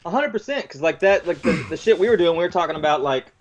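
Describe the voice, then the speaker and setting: A man's voice: a little high, expressive, fast talker. A man in his thirties, a talk show guest, bantering and joking in a laid-back way. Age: 30s. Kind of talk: casual radio talk show chat.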